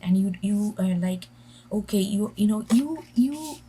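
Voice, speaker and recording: A woman giving an intuitive tarot reading, talking in a halting way with many restarts and slipping into soft half-whispers. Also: mid-range voice, expressive, a little hiss or hum, low-quality recording. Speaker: tarot reader.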